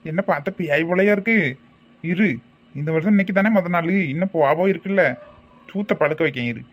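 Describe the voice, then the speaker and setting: A man playing a brisk, sharp-tongued kindergarten teacher. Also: a little high, lightly acted. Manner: brisk, bossy, quick to threaten. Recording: dull lo-fi sound.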